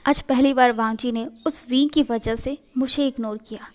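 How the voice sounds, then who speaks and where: A man's voice: very high-pitched, fairly even intonation, moderate pace. A woman voicing a jealous, clingy young man who sulks in a read-aloud fan story. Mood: bitter. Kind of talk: storytelling in a fan fiction reading.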